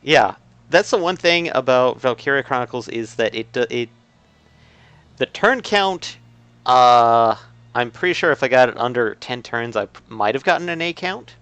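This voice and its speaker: Man, bright voice, dry close sound, casual game stream chatter, filler-heavy rambling. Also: medium pitch, lively intonation, normal speed, clean tone, no echo. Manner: rambling, many filler "uh"s and restarts.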